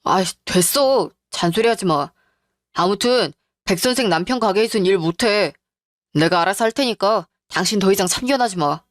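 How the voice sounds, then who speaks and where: A woman's voice: medium pitch, expressive, moderate pace, no room sound, clean studio sound, lightly acted. A woman voicing a sulky, defensive husband who has lost his job.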